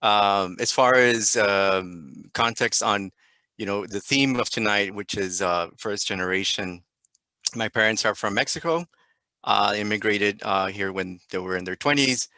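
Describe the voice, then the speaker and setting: A man's voice: on the low side, measured pace, pushed and bright, dry recording. A man from West Texas, a chemistry professor, introducing himself on a video call panel with some hesitations.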